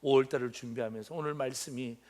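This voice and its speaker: A man in his fifties, a pastor preaching a sermon in a joking, animated way, swinging from loud exclamations to quiet asides. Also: mid-range voice, quick pace. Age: 50s.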